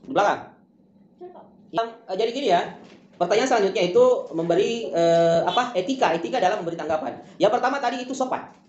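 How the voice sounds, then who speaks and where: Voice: mid-range voice, fast, a little mellow. A tutor explaining a school lesson step by step with lots of examples, often repeating the same closing phrases. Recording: roomy, dull lo-fi recording.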